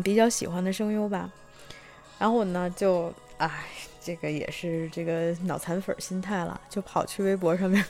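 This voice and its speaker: A young woman from Tianjin, chatting through a personal story with many fillers and restarts, sometimes bursting with excitement. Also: mid-range voice. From Tianjin, China. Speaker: vlogger telling a personal story. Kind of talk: casual storytelling monologue.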